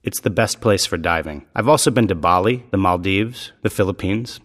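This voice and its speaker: A man reading scripted dialogue lines for a language lesson in a clear, even delivery. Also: low voice, moderate pace. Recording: reverberant room.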